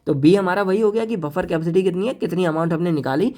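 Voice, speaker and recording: Chatty अंदाज़ में पढ़ाते हुए पुरुष शिक्षक. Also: male voice, high voice, quick pace, darkish tone. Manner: chatty teacher mixing Hindi and English terms; addresses students directly and playfully. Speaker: pharmacy lecturer. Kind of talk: casual classroom lecture.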